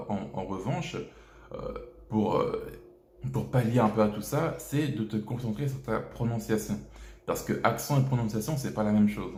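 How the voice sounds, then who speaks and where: A man's voice: lowish voice, warm tone. A French man hosting a casual video lesson, talking straight to the viewer with many hesitations and restarts. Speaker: English teacher, channel host. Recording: echoey room.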